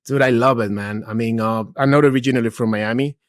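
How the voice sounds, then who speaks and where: A fast-talking man in his forties with a mid-range voice, raised in Peru, speaks as a podcast guest and real estate investor in casual interview talk. He's relaxed and conversational, frequently using "dude" and "bro," with many restarts. The recording is dry and clean, studio grade.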